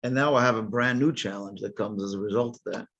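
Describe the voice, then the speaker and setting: An older man hosting as a rabbi, putting measured questions to a guest over a video call. His voice is gravelly with a husky edge. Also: lowish voice, a bit bright, highs cut off. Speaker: rabbi and host. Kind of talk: casual questions to a speaker.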